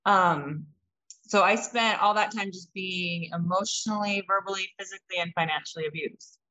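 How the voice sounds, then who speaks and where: A woman's voice: on the low side, normal speed, pushed and bright, dull audio. A woman from Utah, a podcast guest, telling her own story in a candid, reflective way with frequent ums. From Utah, United States. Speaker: interview guest. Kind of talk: personal storytelling in an interview.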